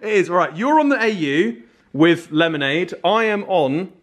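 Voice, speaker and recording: Animated young man vlogging at home. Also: high voice, unhurried, a little hiss or hum. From England. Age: young adult. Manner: jokey, teasing, animated. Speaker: vlogger host. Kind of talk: casual chat. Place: apartment living room indoors. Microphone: handheld camera.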